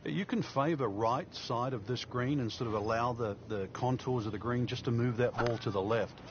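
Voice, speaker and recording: A man working as a golf commentator, giving measured, explanatory analysis of the play. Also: mid-range voice. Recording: dull lo-fi game audio, faint noise.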